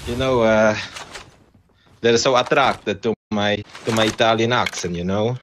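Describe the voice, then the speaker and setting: A man's voice: fairly low pitch, fairly even intonation, a little slow, fairly bright tone. A man chatting over voice chat during a mobile shooter match, putting on a mock Italian accent and calling his teammate brother. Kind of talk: casual voice chat while gaming. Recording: noisy game audio behind voice chat. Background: gunfire and explosions from the game.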